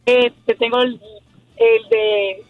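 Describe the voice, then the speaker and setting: Woman caller, hoarse from yelling. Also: fairly high pitch, flat delivery, drawn-out words, no room sound. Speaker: caller to a sports radio show. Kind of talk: casual fan talk. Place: on a phone call to a radio show. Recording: dull band-limited phone line, music behind.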